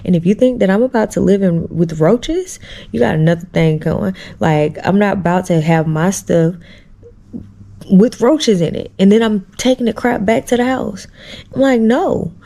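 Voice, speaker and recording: A woman's voice: mid-range voice, moderate pace, vocal fry, warm tone. A woman vlogger telling a story casually and with animation, exasperated and slangy, talking straight to her viewers.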